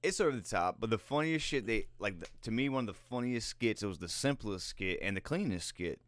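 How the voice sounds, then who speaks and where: A man's voice: lowish voice, expressive, fairly quick, no room sound. A man in his twenties co-hosting a podcast, telling rambling, laughing stories in casual, profane chat. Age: 20s. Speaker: podcast co-host.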